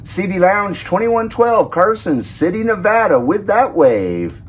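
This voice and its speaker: Drawing out his calls over and over from a base station, this man then shows off the features of his CB radio. He has a high, sing-song voice and a measured pace, with heavy static behind him.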